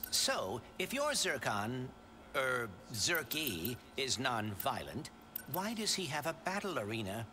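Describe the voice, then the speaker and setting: A man's voice: medium pitch, huge pitch swings, takes it slowly, pushed and bright, exaggerated voice. A man voicing a small, brainy robot sidekick with precise, formal, mild speech in video game dialogue over music. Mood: calm, polite.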